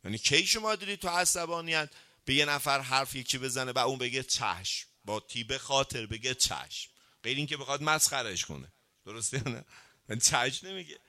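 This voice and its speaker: Bright-voiced male preacher quizzing listeners. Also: mid-range voice. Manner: lively, questions the audience and urges answers; recites Arabic sayings slowly, then explains them. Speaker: cleric giving a religious talk. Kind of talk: sermon.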